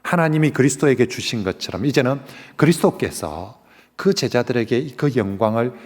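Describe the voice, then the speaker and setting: A man's voice: medium pitch, animated, moderate pace, a little mellow. A male senior pastor preaching a Sunday sermon, telling the story vividly and putting questions to the congregation. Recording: long reverb of a church sanctuary.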